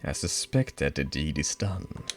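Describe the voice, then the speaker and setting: A man's voice: a bass voice, lively intonation, unhurried, soft background music. A man voicing a scornful demonic mistress who talks down to her minion in a haughty way. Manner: haughty and condescending.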